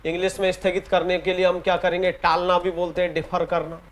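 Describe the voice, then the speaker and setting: A man with an Indian English accent teaching an exam-prep grammar lesson in Hindi. He reads the English example sentences slowly and deliberately and often repeats key words. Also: high-pitched, flat delivery, a little hiss or hum. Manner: repeats key words and ends points with "theek hai".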